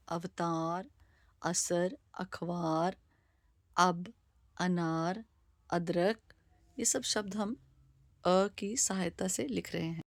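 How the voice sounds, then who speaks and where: A woman teaching vowels, reading words out slowly one by one as a teacher. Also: lowish voice, vocal fry, no room sound, studio quality. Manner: slow, deliberate word-by-word reading. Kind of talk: slow spoken Hindi alphabet lesson.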